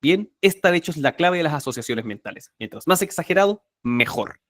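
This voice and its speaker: A man teaching a live online workshop on memorization techniques, emphatic and energetic, often repeating key words. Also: on the high side, fairly quick, no room sound.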